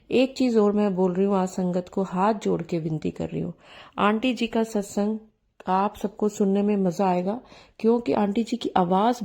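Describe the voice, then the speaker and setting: A woman speaks to her followers in an earnest, pleading way, often restarting her sentences. Her voice is mellow and dark. She talks from her home. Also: medium pitch, vocal fry. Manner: earnest, pleading, repeats herself with many restarts. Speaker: channel host sharing devotees' testimonies. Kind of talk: devotional talk to followers. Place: home room.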